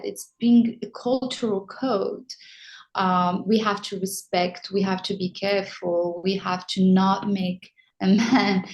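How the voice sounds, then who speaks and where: A middle-aged woman from Morocco, a film director answering interview questions with many pauses and restarts. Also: mid-range voice, a little mellow, low-quality recording. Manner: hesitant, many ums and restarts.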